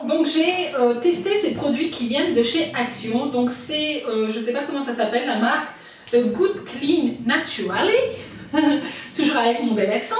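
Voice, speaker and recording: A young woman with a fairly high voice talks chattily through product reviews, filling pauses with hesitations. She sounds a little away from the mic in a very echoey room, with a faint hiss behind her. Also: recorded from a distance. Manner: chatty, many fillers and "franchement".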